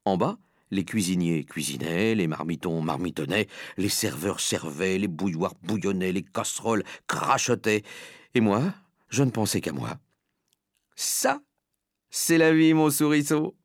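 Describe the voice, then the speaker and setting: A man reading a children's story aloud with dramatic, expressive first-person narration. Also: deep voice, normal speed, dry recording, clean studio sound. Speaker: audiobook reader.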